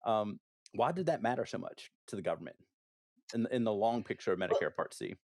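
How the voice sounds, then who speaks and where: Deep-voiced male interviewer, hesitant, dry sound. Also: sing-song, a little fast, a little mellow, dry recording. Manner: hesitant, searching phrasing. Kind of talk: interview questions.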